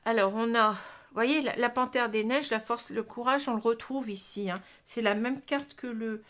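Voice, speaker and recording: A woman with a French accent gives a casual tarot reading in a voice on the high side, a bit bright, at normal speed. She's chatty, often restarting sentences and tossing in tag words like "hein."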